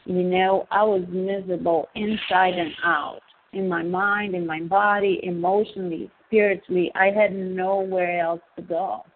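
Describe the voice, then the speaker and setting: A woman's voice: lowish voice, steady tone, unhurried, a little hiss or hum. A woman sharing personal experience on a group call, earnest and emphatic, peppering her talk with filler phrases. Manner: earnest, emphatic, says "you know" often. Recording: thin phone line.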